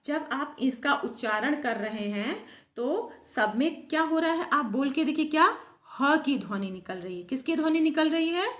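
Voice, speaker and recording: A woman with a fairly high voice teaches a grammar lesson. She poses questions to her pupils and answers them herself in a repeating drill. Her voice rings in an echoey room. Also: lively intonation, normal speed, a bit bright.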